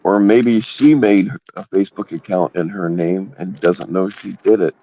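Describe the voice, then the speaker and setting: A man hosts a livestream in a gravelly, dark voice, rambling casually between crude jokes. The audio is dull and lo-fi with a faint hiss behind him. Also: sits low, fairly even intonation, unhurried. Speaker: livestream host.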